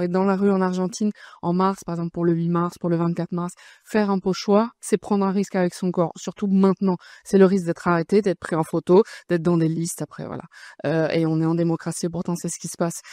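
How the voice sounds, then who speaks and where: Mellow-voiced woman, dry sound. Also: lowish voice, little pitch movement, brisk, no echo. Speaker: panel speaker. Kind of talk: unscripted personal account.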